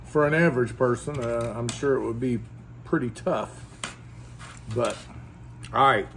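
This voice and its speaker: A man's voice: mid-range voice, measured pace, a bit bright. A man hosting a casual food review vlog at a restaurant table, folksy and chatty, laughing between bites. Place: restaurant dining room. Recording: faint background noise in a restaurant.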